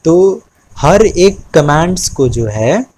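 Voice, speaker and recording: A man's voice: fairly high pitch, sing-song, takes it slowly, darkish tone, slight background noise, rough recording. A young man, teaching a screen-recorded spreadsheet tutorial in a patient way. He repeats key terms and often checks in with the viewer. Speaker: Excel instructor. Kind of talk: screen-recorded tutorial, mixing Hindi and English.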